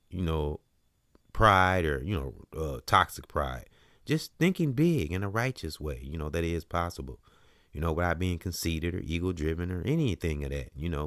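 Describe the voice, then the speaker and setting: A man's voice: deep voice, dry recording, studio quality. A man hosting a show, talking earnestly in a preachy, spiritual way and dropping "you know" often. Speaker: host. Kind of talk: spiritual talk-show monologue.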